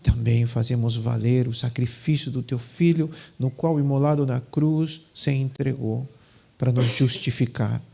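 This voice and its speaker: A man's voice: medium pitch, steady tone, unhurried, creaky, poor audio. A man from Peru with a Peruvian Spanish accent, a pastor speaking Portuguese, chatting with his congregation and then praying fervently. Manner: casual chatty introduction, then fervent loud prayer. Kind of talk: sermon and prayer. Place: church.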